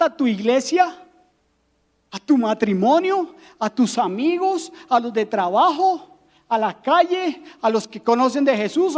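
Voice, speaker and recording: Male pastor, Colombian accent, animated sermon delivery with humor. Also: very high voice. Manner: animated preaching with rhetorical questions and humor.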